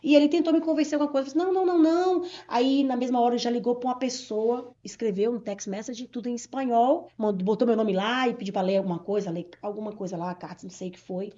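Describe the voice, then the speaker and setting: A woman from Bahia, Brazil, tells her personal testimony at a rapid pace. Her voice sits fairly high, and she often restarts her sentences. The recording sounds dull and lo-fi. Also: steady tone, dark tone. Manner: fast, earnest, with many restarts. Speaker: interviewee giving a testimony.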